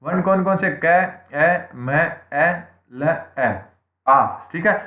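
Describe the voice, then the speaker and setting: A man whose voice sits a little high for a man teaches an online exam-prep grammar lesson at a slow pace, repeating each point and answering his own questions. He checks in with students constantly, often saying "theek hai." The audio is tinny and phone-like, echoing around the room.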